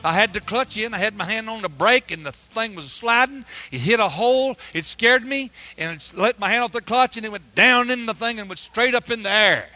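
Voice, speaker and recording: A preacher with a high, bright, sharp voice tells a rambling, colloquial story from the pulpit. He breaks into sudden loud shouts, and his grammar stays homespun. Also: a little fast, hardly any pauses, no echo, faint music behind. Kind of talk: folksy testimony sermon.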